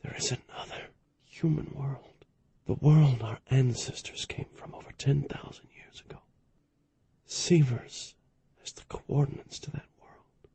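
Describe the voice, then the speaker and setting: A man reading an audiobook, voicing a gravely burned, dying old male fleet admiral in a weak, fading whisper. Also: lowish voice, normal speed, hardly any pauses, warm tone, no room sound. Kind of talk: audiobook narration.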